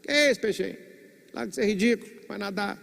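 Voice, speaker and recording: A man's voice: high-pitched, fast, gravelly, a bit bright, in a large hall, heavily acted. A man voicing a fish who brushes off and scolds a worried friend in a sermon story. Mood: dismissive.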